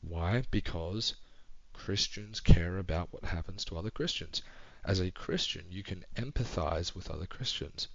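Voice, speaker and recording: Hushed young man with a very deep voice. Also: vocal fry, muffled recording, slight background noise. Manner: hushed, near-whispering delivery; thinking aloud, pausing and restarting. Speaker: vlogger. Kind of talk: late-night solo ramble. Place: home at night.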